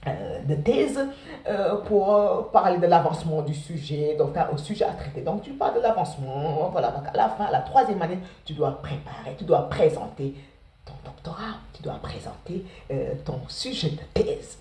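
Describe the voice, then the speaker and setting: A woman in her forties with a Senegalese accent, talking fast and casually to students about her studies, repeating words and leaning on fillers. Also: low-pitched, expressive, warm tone, distant mic. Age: 40s. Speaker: care assistant sharing her study path. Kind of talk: casual spoken testimony to students. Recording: roomy sound, from off the mic.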